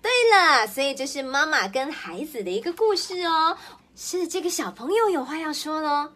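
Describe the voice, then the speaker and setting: Lively, high-voiced woman telling a children's story. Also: moderate pace. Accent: Singaporean Mandarin. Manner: bright, animated and playful, voicing the mother with lively swings.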